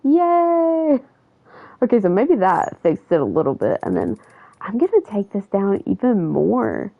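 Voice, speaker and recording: A woman's voice: mid-range voice, huge pitch swings, normal speed, gravelly, no room sound, phone-quality sound. A woman chatting casually on a livestream while she plays a video game, rambling and self-correcting as she talks and laughing easily.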